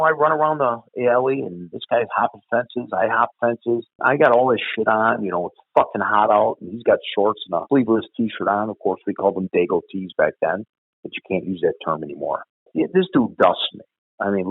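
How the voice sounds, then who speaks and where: A middle-aged man, a retired police officer telling stories in an interview, profane and animated. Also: deep voice, slightly rough, dry recording, narrow, tinny audio. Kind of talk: storytelling in an interview.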